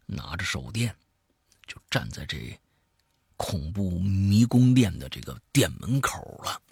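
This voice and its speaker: Gravelly husky man telling a spooky tale. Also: low-pitched, very animated, unhurried, no room sound, studio quality. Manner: dramatic storyteller, swinging between hushed and loud. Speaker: host reading a listener's story. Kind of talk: storytelling in first person.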